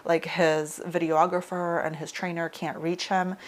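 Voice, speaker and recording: Chatty young woman with a low voice. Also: level tone, unhurried. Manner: chatty, heavy use of "like" fillers. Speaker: leadership coach. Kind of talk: casual explainer to camera.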